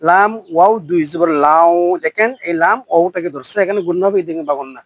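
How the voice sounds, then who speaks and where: A man teaching Quran recitation, spelling out each syllable, then chanting the verses slowly and drawn out, with brisk explanations in between. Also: a little high, dry recording. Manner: brisk explanations between recitations, asks learners to repeat and comment. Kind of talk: spelling-out and slow recitation lesson.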